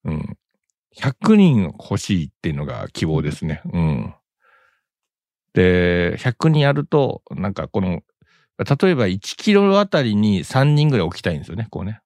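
A low-pitched man hosts a relaxed studio radio talk, his voice swinging widely up and down as he rambles. He fills the gaps with little murmurs and chuckles. The sound is close and dry. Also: normal speed, dry recording. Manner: rambling and chuckling, with many "mm" fillers. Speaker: radio show host. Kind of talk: casual studio chat.

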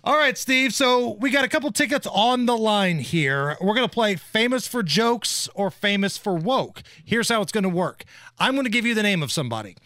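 A man's voice: high-pitched, expressive, normal speed, bright, forceful tone, dry recording. A man hosting a radio show, delivering a punchy contest promo in announcer fashion. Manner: punchy, announcing a ticket giveaway and phone number.

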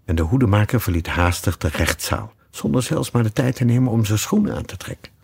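A man reading a children's classic aloud with lively, expressive narration. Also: on the low side, a little fast, gravelly, slightly rough. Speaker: audiobook reader. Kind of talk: storybook reading.

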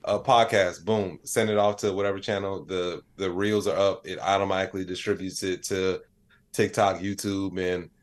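On a podcast, a guest who works as an AI expert and comedian speaks at a moderate pace in a low, level voice. His talk wanders loosely in slangy, conversational fashion, often punctuated by "you know what I'm saying."

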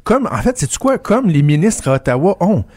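Speaking high with big swings in pitch, this man has a slightly mellow, brisk voice and no room sound at all. He's a Québécois-accented political commentator on the radio, telling stories casually with many restarts and repeated words.

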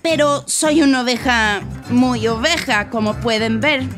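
A woman doing a shy stammering little boy. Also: lightly acted. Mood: nervous. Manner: high, slow and wavering with hesitant stammers. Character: shy anxious little boy in cardboard masks. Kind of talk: storybook character voice. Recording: soft music playing behind.

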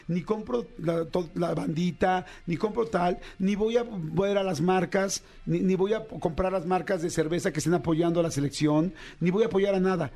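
A man's voice: high-pitched, warm tone. A Mexican man hosting a podcast, talking in a passionate, rambling casual chat full of slang and repeated words. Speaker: podcast host.

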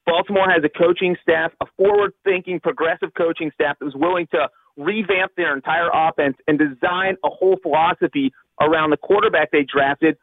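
A man from Cincinnati calling in over the phone as a guest analyst on a sports radio show, talking fast and sure of himself with plenty of fillers. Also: fairly high pitch, no echo. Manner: quick, confident, thinks aloud with fillers. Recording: tinny phone line.

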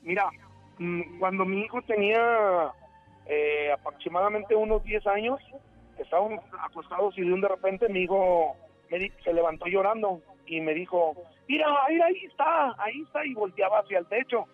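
A man in his forties rambles through a ghost story as a radio caller. He stumbles and restarts often. His fairly high voice comes through a thin, tinny phone line with faint music behind it. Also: moderate pace. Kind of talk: telling a ghost story on a call-in show. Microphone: telephone.

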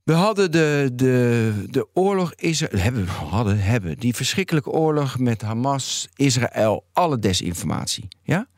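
A man in a lively podcast debate who argues his point and thinks out loud. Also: mid-range voice, normal speed, hardly any pauses, dry recording, clean studio sound. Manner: animated, argumentative, thinks aloud.

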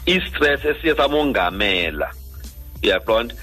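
Husky South African man explaining on radio. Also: medium pitch, very animated, measured pace, sharp tone, faint music behind. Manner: checks understanding with frequent tag questions. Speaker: doctor, guest expert.

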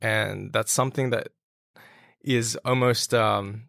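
A man's voice: on the low side, fairly even intonation, slow, creaky, fairly bright tone, no echo, studio quality. A man from Australia, a guest talking casually and a little hesitantly about his suit business and upbringing. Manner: hesitant, with fillers and restarts. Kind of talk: casual interview chat.

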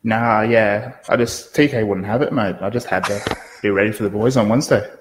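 A man's voice: lowish voice, fairly even intonation, brisk, noisy background. A man on a sports podcast, laconic with dry humour. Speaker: podcast co-host. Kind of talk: casual sports podcast chat.

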